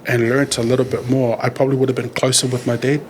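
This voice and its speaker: A man talks things through in a candid, reflective way. His voice sits at a middle pitch, and he often circles back to find the right words. Faint background noise hums under the conversation. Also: little pitch movement, fast talker. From New Zealand. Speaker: podcast guest, community worker.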